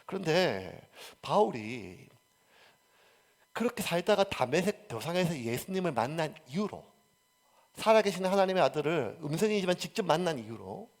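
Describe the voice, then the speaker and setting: A male pastor preaches in a high, gravelly voice. His pitch leaps and falls constantly, rising to loud emphasis and then dropping to near-whispered asides. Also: big pitch swings, normal speed. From South Korea. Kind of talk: sermon.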